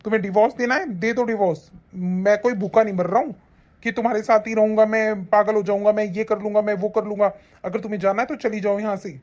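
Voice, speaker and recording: In a domestic family melodrama, a woman acts the part of an angry, domineering young husband who is a devoted son, bossy, accusing, stern, and dismissive. Her mid-range, natural voice holds a steady tone, a little mellow, and moves fast. The recording is dull, muffled, and lo-fi.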